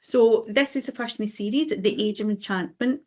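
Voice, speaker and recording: A woman's voice: fairly high pitch, moderate pace, lo-fi sound. A Scottish woman co-hosting a casual book podcast, chatting with lots of ums and uh-huhs. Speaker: podcast co-host.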